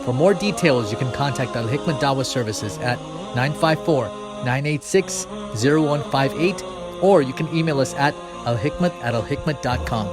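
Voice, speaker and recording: A man reading a scripted promotional announcement in an even, read-out manner. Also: mid-range voice, moderate pace, over music.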